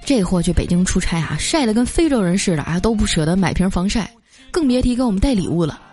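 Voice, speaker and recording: A woman telling funny stories in a lively, laughing way, as a host. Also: medium pitch, quick pace. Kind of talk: comic storytelling. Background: background music.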